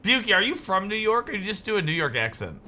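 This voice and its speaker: A young man chats while he plays a game on stream, rambling and joking, with sudden excited yelps. His voice sits fairly high and rings very bright. His pitch swings widely as he talks. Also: fast. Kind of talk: casual chat while gaming.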